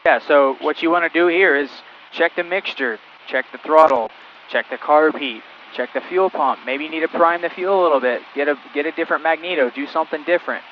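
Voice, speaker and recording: A male flight instructor on a cockpit headset intercom, calmly talking a student pilot through each step in flight. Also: fairly high pitch, a little fast, lo-fi sound, a little hiss or hum. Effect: heard over a cockpit headset intercom. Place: small plane cockpit in flight.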